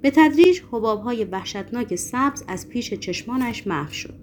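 A woman narrating an audiobook in a steady, measured reading voice. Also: fairly high pitch, a little hiss or hum. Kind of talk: scripted narration.

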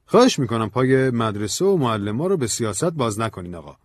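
A man's voice: mid-range voice, sing-song, no room sound, clean studio sound, voice pushed up. A man voicing a stiff, defensive school principal in an audiobook story. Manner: quick, defensive.

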